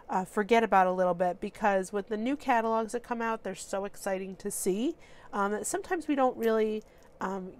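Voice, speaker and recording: A woman's voice: medium pitch, a little mellow. A woman with a congested, stuffy voice, hosting a casual card-making tutorial and chatting through the steps with frequent ums. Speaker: papercraft tutorial host.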